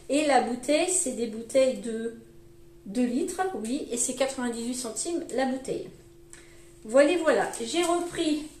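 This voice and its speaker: Chatty French mom, roomy echo. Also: female voice, a little mellow, a little hiss or hum. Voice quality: shrill at times. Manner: chatty, full of fillers and restarts. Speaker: vlogger. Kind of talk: casual grocery haul chat.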